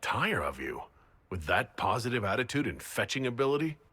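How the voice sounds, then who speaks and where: An actor playing a dry-witted, supportive leader with a teasing, understated manner in a video game. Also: male voice, medium pitch, big pitch swings, a little fast, bright, forceful tone, breathy edge, dry recording, heavily acted. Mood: dryly teasing.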